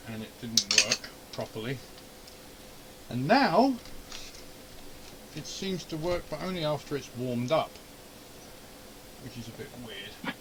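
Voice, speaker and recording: Noise fills the background as a man narrates a hands-on repair in his indoor home radio shack. With a mid-range voice, the amateur radio hobbyist and video host keeps things casual, grumbling and muttering to himself along the way.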